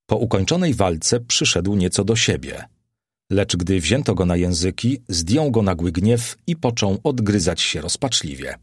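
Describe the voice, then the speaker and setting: A man narrating a classic novel as an audiobook in a measured literary reading. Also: deep voice, lively intonation, husky, no room sound, studio quality.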